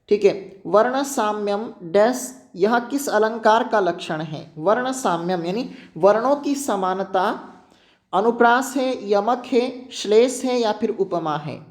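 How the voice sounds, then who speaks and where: A man's voice: high-pitched, darkish tone. A man teaching an exam-prep lesson, often checking in with students and reminding them to keep points in mind.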